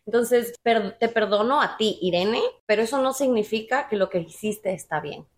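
A woman hosting a podcast, talking in casual chat, emphatic and animated, often acting out her own words. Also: on the high side, moderate pace. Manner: emphatic and animated, quotes herself. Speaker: podcast host.

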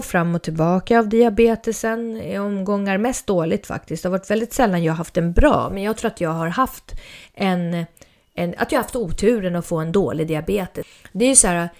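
A woman's voice: mid-range voice, a little mellow. A young adult woman chatting casually about her own experiences, rambling with fillers and restarts. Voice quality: creaky. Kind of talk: casual personal storytelling.

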